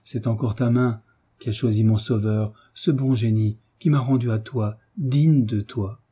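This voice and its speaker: A man voicing an ardent teenage boy, dark-voiced. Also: mid-range voice, fairly even intonation, unhurried, husky. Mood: exalted. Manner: fervent, rising with emotion. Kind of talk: audiobook character reading.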